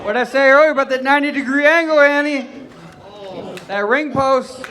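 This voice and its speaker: A man working as a wrestling commentator, calling the action play-by-play in an excitable voice that often rises to a shout. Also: very high voice, normal speed. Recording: arena crowd noise behind the voice. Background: live wrestling crowd.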